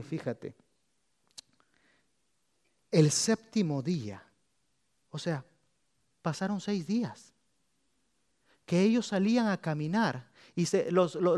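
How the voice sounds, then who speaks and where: A man preaching a sermon as pastor, lively and playful, speaking straight to his congregation while leading them on a walk. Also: sits high. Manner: lively, addresses the congregation directly, playful asides; leads the congregation walking around the room.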